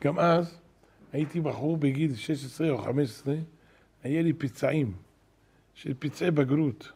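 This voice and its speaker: An older man, a rabbi, telling wonder stories in a sermon at a synagogue, animated, acting out what people said. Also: fairly high pitch, breathy edge. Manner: animated storyteller, acting out quoted shouts. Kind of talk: storytelling sermon.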